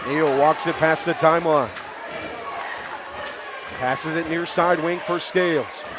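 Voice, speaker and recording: With a fairly high pitch, fairly even intonation, and a slow pace, a man gives live radio play-by-play of a basketball game. He champions the home team and exclaims on big plays. The high school gym around him is noisy with crowd and bouncing balls.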